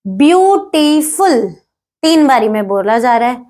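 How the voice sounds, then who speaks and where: A woman teaching a grammar lesson, explaining step by step, checking often whether students follow, and reading English example sentences slowly. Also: high voice, animated.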